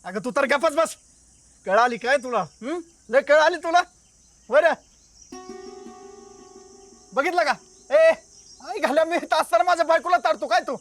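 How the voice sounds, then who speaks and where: An actor playing a hot-tempered, jealous village wrestler husband, hurling insults and threats. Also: male voice, extremely high pitch, unhurried, long pauses, soft background music. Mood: furious. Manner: shouting insults, scornful, menacing. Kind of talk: rural web drama acting.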